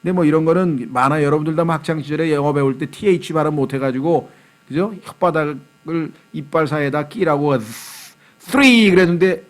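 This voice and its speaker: Male pastor, fairly high voice, chatty sermon delivery with playful accent mimicry, faint mains hum on the recording. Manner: conversational, jokey, mimics foreign accents. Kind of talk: expository Bible sermon. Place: church.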